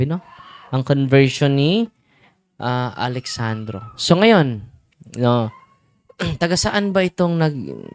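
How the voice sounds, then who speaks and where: Slow-talking priest quizzing his crowd. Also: fairly high pitch, a little mellow, no room sound. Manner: teasing, asks the crowd quick questions. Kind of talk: lively sermon with audience questions.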